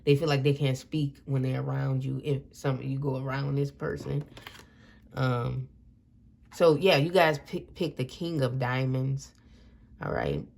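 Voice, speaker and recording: Woman tarot reader, casual and rambling, fry in the voice. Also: very deep voice, unhurried, darkish tone. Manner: rambling, repeats and corrects herself. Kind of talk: casual tarot reading to viewers.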